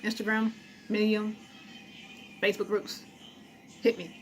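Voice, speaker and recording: A woman's voice: medium pitch, little pitch movement, unhurried, faint music behind, rough recording. A woman talking casually to her camera at home, blunt and encouraging, sometimes eating between sentences. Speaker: vlogger.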